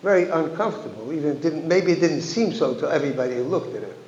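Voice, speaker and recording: A man with a high voice tells a story at a gathering, circling back on his words and mixing in Yiddish phrases. He speaks as a rabbi addressing a congregation in a synagogue hall. The sound is muffled and lo-fi, with a roomy echo. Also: animated, fast, darkish tone. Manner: anecdotal, with frequent restarts and Yiddish phrases. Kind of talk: storytelling talk at a community gathering. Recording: echoey hall, dull lo-fi sound.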